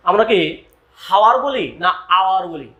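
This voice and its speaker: A man teaches a grammar lesson in a high voice with a bright edge. He moves slowly and deliberately, spelling out letters one by one. He keeps asking his students rhetorical questions as he explains. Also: lively intonation. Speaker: school English teacher.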